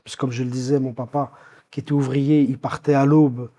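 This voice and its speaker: A Belgian-born man in his fifties, recounting his life story as an interview guest, with many pauses and restarts. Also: medium pitch, flat delivery, dark tone. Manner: hesitant, many fillers and restarts.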